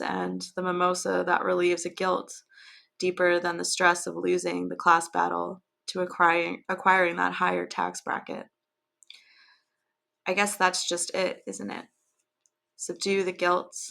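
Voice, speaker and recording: A woman with a lowish, heavily gravelly voice chats casually about her writing before reading her own poem. Her delivery stays flat and level, with a self-deprecating, offhand manner. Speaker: podcast host and poet. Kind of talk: casual chat and poetry reading.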